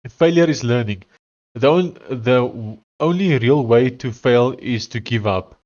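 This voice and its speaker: A live streamer with an Afrikaans South African accent and a congested, blocked-nose voice chats casually while coding. His mid-range voice is animated, measured and darkish, with the highs cut off.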